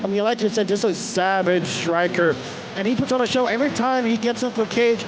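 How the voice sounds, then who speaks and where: Male MMA commentator, high-pitched, analytical and conversational, over clear venue noise. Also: fairly even intonation, a little fast. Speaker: fight commentator. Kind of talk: sports commentary, pre-fight analysis. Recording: noisy live event background.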